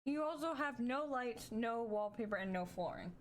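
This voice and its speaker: A woman chatting on a game stream, making soft, quiet remarks. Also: a little high, expressive, normal speed. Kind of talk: casual gaming stream chat.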